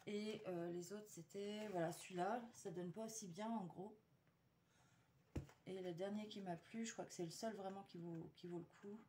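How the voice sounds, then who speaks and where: A woman's voice: medium pitch, fairly even intonation, normal speed. Chatty woman with faint noise. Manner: chatty, hesitant, many fillers and restarts. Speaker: vlogger showing a paper haul. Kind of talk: casual chat to viewers.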